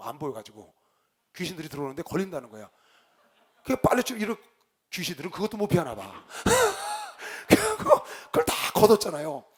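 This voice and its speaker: Animated husky man telling a sermon story. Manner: animated storyteller, shouts quoted lines, drops to low asides. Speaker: pastor.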